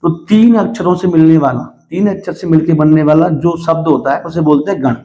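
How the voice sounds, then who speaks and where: A man teaches a grammar lesson in a fairly high but mellow voice, calling his students "beta" and pausing often to check that they follow. He poses questions and answers them himself, and recites verse lines slowly and deliberately. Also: muffled recording. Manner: addresses students as "beta", checks with frequent "theek hai". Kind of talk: classroom-style lesson.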